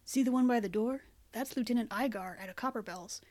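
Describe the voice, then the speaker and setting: An easygoing young man with a teasing manner, read by a woman narrator. The voice stays near her own natural, slightly high register. He speaks plainly in a storybook telling. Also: fairly quick, a little mellow, lightly acted. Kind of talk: audiobook character reading.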